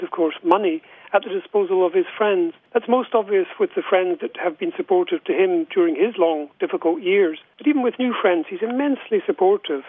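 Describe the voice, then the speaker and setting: High-voiced academic man on a phone line. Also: no room sound. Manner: measured, with frequent restarts and repeated words. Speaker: academic editor of letters. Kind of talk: radio interview, scholarly explaining. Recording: tinny phone-line sound.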